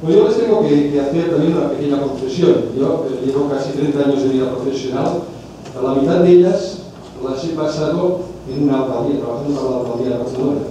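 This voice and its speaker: A man in his fifties from Catalonia with a Catalan accent, giving a conference lecture in a measured way, often pausing and restarting his phrases. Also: a little high, mellow. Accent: Catalan Spanish. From Spain, Catalonia. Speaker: conference speaker. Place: large conference hall. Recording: echoey hall from far off, noisy.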